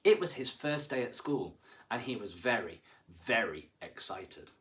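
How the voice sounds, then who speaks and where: A man reading a children's picture book aloud, animated and engaging. He talks slowly and clearly, with pitch rising and falling a lot. He often turns to ask his young listener questions. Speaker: children's storyteller.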